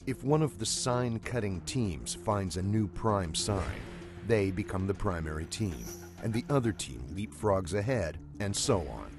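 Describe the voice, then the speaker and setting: Scripted documentary narration is delivered by a man with a very low voice. He reads in a measured, story-like way with lively pitch movement, while clear music plays underneath.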